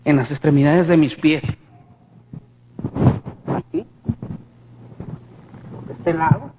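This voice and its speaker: A man's voice: on the high side, sing-song, takes it slowly, dark tone, slight background noise. A man gives a dramatic personal testimony in church as a vivid storyteller who asks his listeners questions directly. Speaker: guest giving testimony in church.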